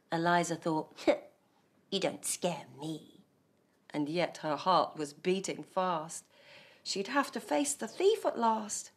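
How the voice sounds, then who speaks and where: In a cosy studio set, a woman in her thirties reads a rhyming bedtime story aloud. Her fairly low, breathy voice stays soft and hushed, often sinking to a whisper.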